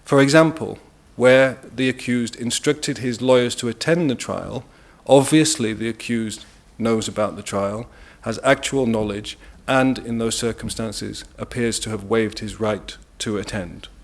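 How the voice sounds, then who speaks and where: A British man speaks at a press briefing, laying out a legal argument in a formal, measured manner. His voice sits in a middle range, and he stresses key words for emphasis.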